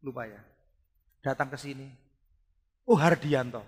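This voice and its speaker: Animated pastor in an echoing church. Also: male voice, mid-range voice, a little slow, breathy edge. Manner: animated preaching with big swings in loudness, often addressing the congregation. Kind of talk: sermon. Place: church hall. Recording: reverberant church hall.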